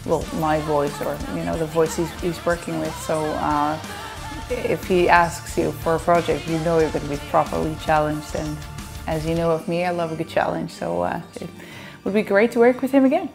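A woman from the Netherlands, in her thirties and Dutch-accented, chats playfully to camera about fan questions from a living-room sofa, laughing a lot. She speaks in a deep, steady, creaky voice at a moderate pace over music.

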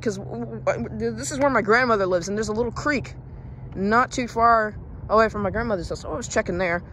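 A man's voice: high voice, a bit bright, a little hiss or hum. Rambling young railfan guy outdoors. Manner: chatty, rambling, self-interrupting. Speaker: railfan vlogger. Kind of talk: casual storytelling to camera. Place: outdoors beside railroad tracks in town.

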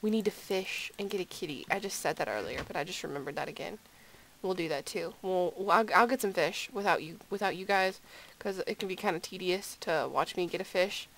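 A woman's voice: fairly low pitch, fairly quick, fairly bright tone, low-quality recording. A sleepy woman giving rambling, giggly, self-deprecating gameplay commentary at home late at night. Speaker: gaming video creator.

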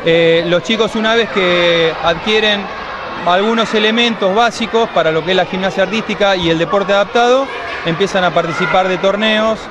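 Speaking into an interviewer's handheld mic, a middle-aged man with a high voice and an Argentine accent describes the gymnastics program he coordinates, pausing often on "eh" as he gives careful, measured replies. The setting is an indoor gym full of children, with a loud crowd and plenty of noise behind him.

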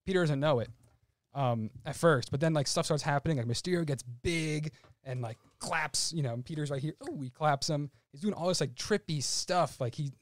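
A man's voice: fairly high pitch, normal speed, dry recording. Slangy man describing a trippy scene. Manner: loose slangy description with many fillers. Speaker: podcast panelist. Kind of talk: casual movie podcast chat.

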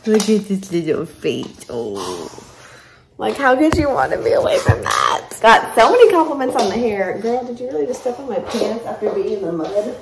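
A woman, chatting to camera in a rambling, self-deprecating vlog, her voice slightly hoarse from a loud night out. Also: fairly high pitch, very animated, fairly quick, hardly any pauses, a crowd in the background. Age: late 20s. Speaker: vlogger. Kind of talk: casual vlog chat to camera.

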